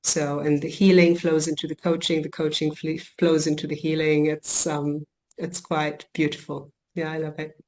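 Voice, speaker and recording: A woman who grew up in Germany talks through her work as a coach and healer in an interview. Her voice sits a little low for a woman. She speaks reflectively, pausing on ums and restarting phrases as she goes. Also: flat delivery, darkish tone. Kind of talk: podcast interview.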